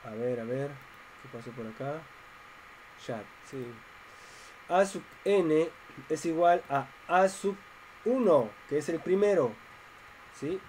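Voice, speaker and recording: A man's voice: a little high, expressive, slow, long pauses, darkish tone, slight background noise, rough recording. A man teaching a math class online, explaining step by step and asking his students questions.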